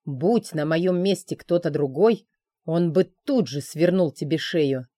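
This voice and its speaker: A woman's voice: deep voice, unhurried, warm tone, dry recording, studio quality. A woman voicing a stern, protective male dragon in a storybook reading, speaking in a clipped, lecturing way.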